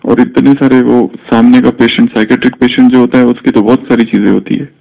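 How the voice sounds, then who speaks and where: A man giving a spiritual discourse to a group, teaching in a slow, measured way and mixing in English words. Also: mid-range voice, level tone, gravelly. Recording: dull lo-fi recording.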